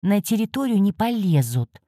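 A woman's voice: medium pitch, very animated, moderate pace, mellow, no room sound, clean studio sound. A woman voicing a grumpy, sarcastic male cat guardian who hisses and scolds. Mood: scolding. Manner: hissing, scolding.

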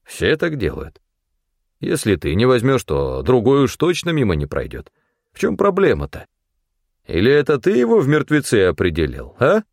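A man's voice: mid-range voice, wildly swooping pitch, normal speed, dry recording, clean studio sound, pitched above the performer's own voice. A man voicing a wary, bossy old mentor who scolds in blunt, folksy talk. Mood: brisk, practical. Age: older.

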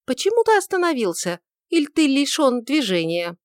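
A woman voicing a proud, quick-tempered young beauty who talks in a mocking, defiant way, on a dry recording. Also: on the high side, lively intonation, no room sound, voice pushed up, natural voice. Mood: scornful.

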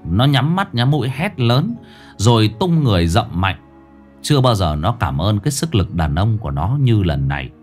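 A man narrating a ghost story in a dramatic, expressive way. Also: on the low side, moderate pace, soft background music.

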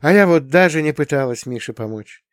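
A man's voice: on the high side, lively intonation, fairly quick, dry recording, clean studio sound, pitched above the performer's own voice, lightly acted. A man reading an audiobook and voicing an impulsive, heartfelt woman friend. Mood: earnest.

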